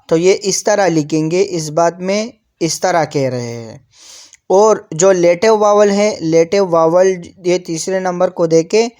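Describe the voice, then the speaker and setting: A woman's voice: medium pitch, a little mellow. Patient woman teaching a language lesson. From Pakistan. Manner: patient, repeats key words, addresses viewers as friends.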